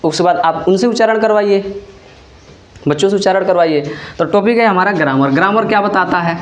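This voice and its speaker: A man teaching a class, sounding out letters slowly and checking in with listeners after each point. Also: high voice, echoey room. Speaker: teacher trainer. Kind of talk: classroom lesson.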